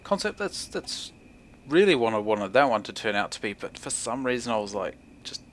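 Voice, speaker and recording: A young gaming video creator with a broad New Zealand accent thinks aloud while commentating on his gameplay at home, laid-back and slangy with mumbled asides. His mid-range voice swings widely in pitch at a normal speed, with slight background noise.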